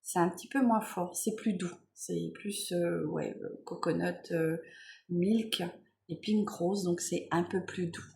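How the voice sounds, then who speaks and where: A woman vlogger chatting casually while unboxing beauty products, relaxed, with many fillers and self-corrections. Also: lowish voice, slow, creaky.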